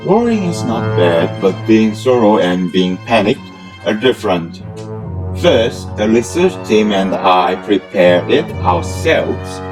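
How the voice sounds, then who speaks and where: A man on the low side of the pitch range performs a scripted amateur audio drama slowly, with a sing-song lilt. Instrumental music plays under his formal, stilted English, which shows non-native phrasing.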